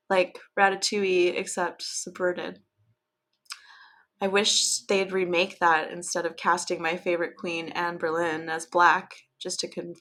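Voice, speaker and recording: Woman, low voice, heavy vocal fry, monotone, casual poetry reading, self-deprecating. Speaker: podcast host and poet.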